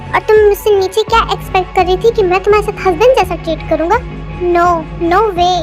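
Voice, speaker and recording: A woman's voice: very high-pitched, steady tone, fairly quick, over music. A woman voicing a cold, harsh young husband in a fan audio story, speaking with scorn and giving orders. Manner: scornful, commanding.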